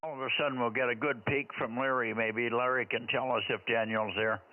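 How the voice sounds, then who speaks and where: An American man works as the controller of an amateur radio net, talking casually but in radio procedure, often repeating call signs and short phrases. His voice comes through a very thin, phone-like radio channel. Loud static and noise cover the whole transmission. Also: mid-range voice, fairly even intonation, a little fast. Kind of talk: casual ham radio net check-in chat. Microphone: two-way radio. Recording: tinny narrowband radio, heavy static noise, clicks.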